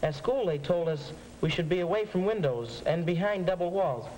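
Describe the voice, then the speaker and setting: A young American actor playing a reassuring, earnest teenage big brother in a 1950s educational film. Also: male voice, high voice, expressive, normal speed. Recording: old film soundtrack, faint noise.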